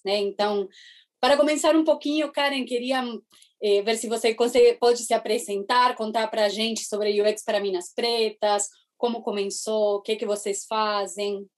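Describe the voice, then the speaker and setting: A woman from Argentina, speaking Portuguese with an Argentine Spanish accent, who welcomes a guest and moderates a panel with gentle questions. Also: fairly high pitch.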